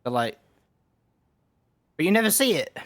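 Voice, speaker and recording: A man's voice: high-pitched, big pitch swings, normal speed, fairly bright tone, no echo, clean studio sound. A man streaming a game who rambles casually with lots of swearing and restarts. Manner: rambling, profane, many restarts.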